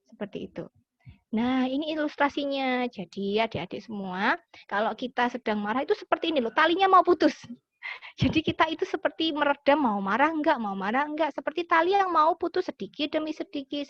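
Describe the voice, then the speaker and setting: A woman giving a lively lesson to schoolchildren, acting out little example phrases as she explains. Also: sits high, dry recording. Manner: animated, acts out example phrases. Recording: dull, dry lo-fi sound.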